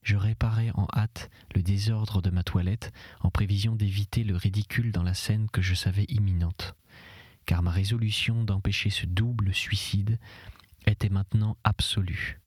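A male narrator reads a literary novel in a measured, hushed way, his voice somewhat low and noticeably husky. The recording is close and completely dry. Many phrases slip into a breathy half-whisper. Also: steady tone, no echo. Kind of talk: audiobook reading of a literary novel.

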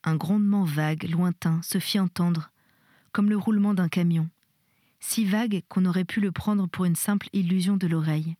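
A woman narrating a storybook with measured, expressive reading. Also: on the low side, no echo, studio quality. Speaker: audiobook reader.

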